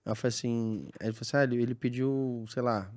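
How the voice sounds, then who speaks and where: A man from São who owns a burger restaurant, telling a workplace story on a podcast, acting out the dialogue with animated voices. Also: mid-range voice, fast talker. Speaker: burger restaurant owner, guest.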